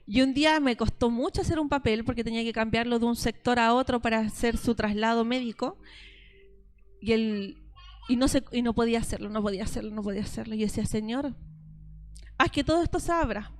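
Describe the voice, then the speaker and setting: A woman pastor preaches a sermon to her congregation. Her voice sits high, and she tells her stories by voicing both sides of each conversation. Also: steady tone, fast.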